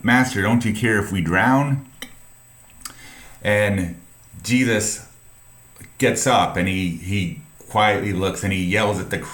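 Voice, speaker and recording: A man giving an informal sermon, retelling a Bible story in an earnest, halting way with frequent restarts. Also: low voice, a bit bright, roomy sound. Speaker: preacher.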